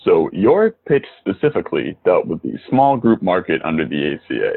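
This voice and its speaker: Husky man host on a tinny low-quality stream. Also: big pitch swings, normal speed. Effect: low-quality remote audio stream. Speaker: podcast host. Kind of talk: reading a scripted introduction and interview questions. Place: recording from his own home.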